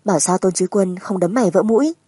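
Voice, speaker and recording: A woman narrator plays a jeering man in a gambling den for an audiobook. He is coarse and teasing. The tone is mellow with a husky edge. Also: mid-range voice, fast talker, no echo, clean studio sound, natural voice.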